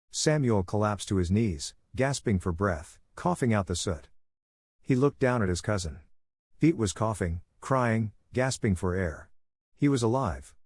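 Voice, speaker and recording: Low-voiced man narrating a story. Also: a little mellow, husky, dry recording, studio quality.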